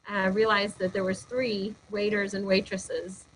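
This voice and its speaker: A woman's voice: medium pitch, flat delivery, a little slow, a little hiss or hum, low-quality recording. A woman pastor telling heartfelt personal stories in an interview, earnest and speaking with frequent fillers. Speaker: lead pastor. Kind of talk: personal storytelling in a webinar interview.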